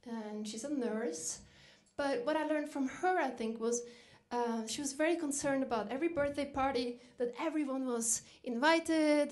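This dinner keynote comes from a middle-aged woman from Norway whose high-pitched voice has a darkish tone. She tells stories reflectively, raising her pitch each time she quotes herself.

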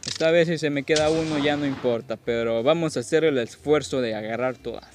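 A man's voice: a little high, fairly quick, background noise. A tipsy man gives casual gameplay commentary as a host, rambling, repeating himself and joking crudely. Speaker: gaming video host.

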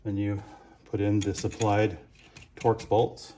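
A man's voice: on the low side, little pitch movement, takes it slowly, dark tone, a little hiss or hum. A man giving a plain, step-by-step demonstration of a workshop tool in a small concrete booth, on a camera mic. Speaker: product demonstrator.

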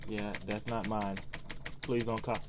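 A man gaming with a friend, teasing and trash-talking with loud outbursts. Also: fairly low pitch, flat delivery, unhurried, noisy background. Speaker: let's play gamer. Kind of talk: casual gameplay banter. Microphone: webcam recording at a computer.

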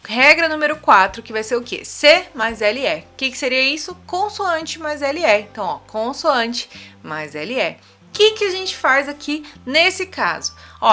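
Brazilian lady teacher going over rules slowly, kinda high bright voice, soft music behind. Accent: Brazilian Portuguese. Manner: patient, repetitive, checks in with "né?" and "tá?". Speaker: English teacher. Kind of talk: online tutorial explaining rules.

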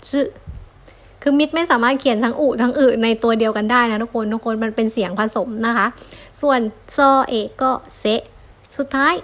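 Young woman teaching kana, patient and clear. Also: a little high, a bit bright. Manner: patient, repeats syllables slowly for learners. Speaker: Japanese language teacher. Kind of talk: friendly online lesson, spelling out sounds.

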